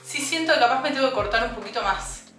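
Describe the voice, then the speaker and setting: A young woman with an Argentine accent, chatting casually as she cuts her own hair at home, a bit hoarse from a cough, self-mocking and thinking aloud. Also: high-pitched, expressive, fast talker, bright, forceful tone, reverberant, soft background music. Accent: Argentine Spanish. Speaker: beauty vlogger. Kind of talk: casual vlog chat. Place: home bathroom.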